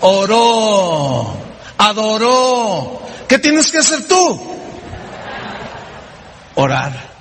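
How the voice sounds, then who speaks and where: A man preaches a sermon in a high-set, unhurried voice, pressing his points home with question after question aimed at the congregation. The recording carries a long hall reverb and a faint hum of room ambience behind him. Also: big pitch swings, fairly bright tone. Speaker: pastor.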